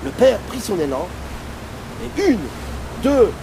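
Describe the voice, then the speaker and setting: A man narrating a story in a lively, dramatic storytelling manner. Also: sits high, takes it slowly, vocal fry, noisy background. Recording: music playing behind.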